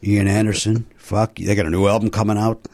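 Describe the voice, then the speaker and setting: A man's voice: fairly low pitch, little pitch movement, brisk, a little mellow, dry recording. A man hosting a podcast in casual chat, wisecracking and swearing offhandedly. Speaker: podcast host.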